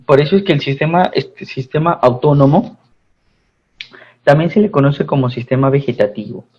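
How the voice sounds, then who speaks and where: A man's voice: fairly high pitch, normal speed, husky, lo-fi sound. A man with a Peruvian Spanish accent teaching a pharmacy class, repeating his phrases and checking in with students. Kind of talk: online class lecture.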